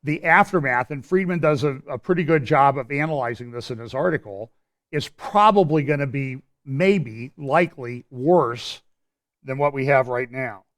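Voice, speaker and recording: A man presenting a church prophecy update in a conversational commentary style, pausing and restarting as he walks through a map and his views. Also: mid-range voice, fairly bright tone. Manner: explains while pointing at a map on screen.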